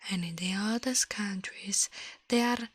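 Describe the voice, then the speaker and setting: Whispering breathily and close to the microphone, a woman hosts a hushed ASMR stream where she reads fables and chats, her phrasing a little non-native. Her pitch is medium and her delivery unhurried, with no room sound at all.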